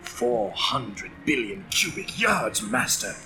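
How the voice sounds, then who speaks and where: A man voicing a fawning, whiny robot aide who flatters his master on a 1980s read-along record. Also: medium pitch, slow pace, vocal fry, slight background noise, heavily acted. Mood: servile. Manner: servile, flattering.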